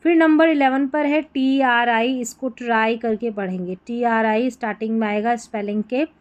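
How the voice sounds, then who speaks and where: Woman, Hindi accent, English reading teacher, slightly high voice, repeats words, asks quiz questions. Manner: repeats each word with a quizzing "what happened?". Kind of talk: explaining spelling patterns.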